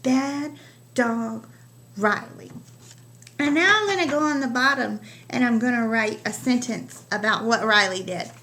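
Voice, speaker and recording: A woman teacher giving a writing lesson to young children, slowly stretching out the sounds of words. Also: fairly high pitch, sharp tone.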